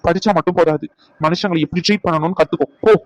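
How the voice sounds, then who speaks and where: A woman's voice: lowish voice, fairly even intonation, fast talker, no echo, lightly acted. An actress playing a blunt friend who lectures another woman. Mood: lecturing.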